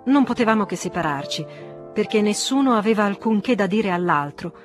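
A serene older master speaks with calm, gentle amusement, as a woman reads him. His delivery is measured and composed, kind rather than stern. An audiobook figure with faint music behind. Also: medium pitch, lightly acted. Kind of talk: audiobook reading.

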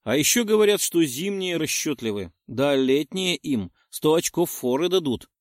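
A cocky young man gloats and teases at full volume, as a male narrator acts him out in an audiobook. His voice sits a little higher and swings in lively pitch. The sound is close and dry. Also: normal speed, dry recording, close to an everyday voice. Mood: boastful, teasing. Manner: boastful, loud.

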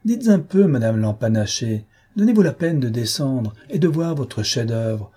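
A man reading an audiobook, voicing a mocking man from a street crowd in a raised, husky voice. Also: animated, normal speed. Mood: mocking indignant. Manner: mocking, loud and high-pitched.

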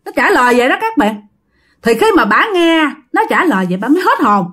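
A woman with a Southern Vietnamese accent tells a ghost story to her listeners in a chatty way, often speaking to them directly. Her voice sits a little high and moves around a lot in pitch. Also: big pitch swings, a little fast, fairly bright tone.

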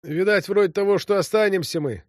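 A man's voice: high voice, a little fast, dry recording, studio quality, pitched above the performer's own voice, natural voice. A man voicing a wounded male soldier speaking plainly and resignedly.

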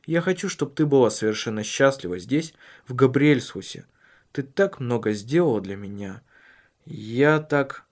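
A calm, tactful husband who probes gently but won't let a question drop, in a storybook reading, as a male reader voices him. His tone stays measured and earnest, at a mid pitch. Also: close to an everyday voice. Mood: earnest, probing.

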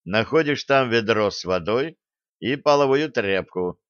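Man reading a bossy grumbling space captain, gruff, dull lo-fi sound. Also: medium pitch, lively intonation, a little slow, no echo, lightly acted. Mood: stern mocking. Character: gruff sardonic male starship captain. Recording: dull lo-fi audio.

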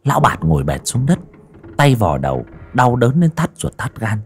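Expressive male audiobook narrator. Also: medium pitch, moderate pace, breathy edge. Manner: expressive, rising and falling with the drama. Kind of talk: dramatic horror story narration.

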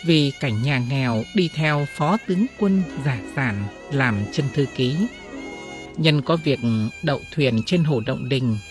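A woman reading classic ghost tales aloud in an expressive, dramatic storytelling style. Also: low voice. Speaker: audiobook reader.

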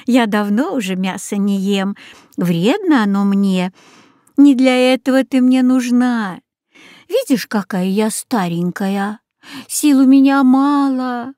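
A honeyed, scheming old witch drawls every word slowly in a mellow, slightly raised voice, voiced by a woman reading a storybook. She coaxes sweetly while plotting, each phrase stretched out. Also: a little high, no echo, studio quality, pitched above the performer's own voice. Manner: sweetly coaxing, sly, slow and drawn-out.

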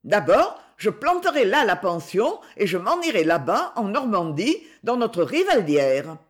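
A woman's voice: mid-range voice, big pitch swings, unhurried. A woman reading aloud voices an eager, cheerful young schoolboy in an audiobook, pleading and enthusiastic.

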